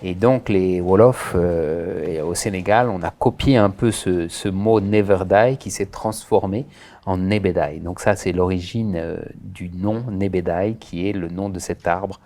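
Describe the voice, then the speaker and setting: Born in France but raised in Senegal, the director of a Senegalese association responds to interview questions earnestly, hesitating and restarting often. His deep, warm voice moves a little slowly.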